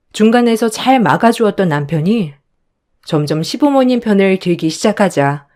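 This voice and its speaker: A woman narrating her own story and voicing herself as a hurt, pleading wife. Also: fairly low pitch. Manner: expressive, hurt and pleading in dialogue.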